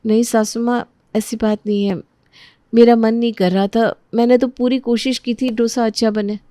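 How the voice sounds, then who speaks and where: A woman's voice: on the high side, steady tone, moderate pace, no echo, studio quality, lightly acted. A woman voicing a patient young daughter-in-law who speaks in a pleading tone. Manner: pleading, soft-spoken.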